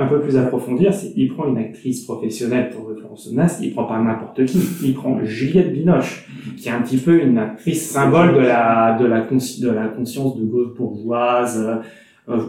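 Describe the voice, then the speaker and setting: A man's voice: medium pitch, mellow, very echoey, recorded from a distance. A man giving his film opinions in a casual panel talk, enthusiastic with stumbling restarts. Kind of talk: casual discussion.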